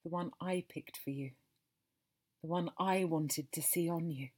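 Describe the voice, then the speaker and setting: Woman, breathy low voice, slow intimate monologue with whispered stretches, tender and possessive. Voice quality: breathy and soft. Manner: tender, possessive, speaks to the listener as baby. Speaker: narrator of an intimate audio story.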